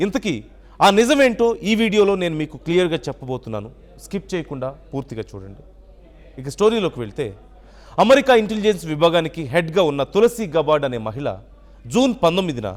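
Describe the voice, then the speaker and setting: Brief: male news narrator, high and very animated, urgent storytelling. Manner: urgent, dramatic, addresses viewers directly. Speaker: narrator of a news explainer channel.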